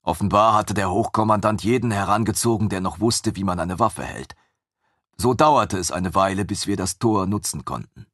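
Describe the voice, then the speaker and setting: Low husky guy reading a fantasy audiobook, steady, dry close mic. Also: moderate pace, no echo. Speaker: audiobook narrator. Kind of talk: first-person audiobook narration.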